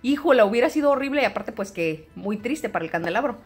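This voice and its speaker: A woman, chatting to camera in a home vlog and telling stories in an animated way. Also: on the high side, fast, husky, faint music behind. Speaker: home vlogger. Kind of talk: casual chat to camera.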